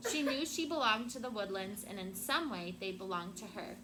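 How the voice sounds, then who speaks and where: An elementary school teacher, a woman with a mid-range voice, reads a storybook aloud to her class, phrasing things expressively and deliberately and asking the children prompting questions. The classroom recording is very noisy.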